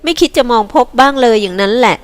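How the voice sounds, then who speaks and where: A woman's voice: a little high, expressive, quick pace, voice pushed up, close to an everyday voice. Woman putting on a sweet teasing young hostess. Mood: coaxing. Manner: sugary coaxing tone.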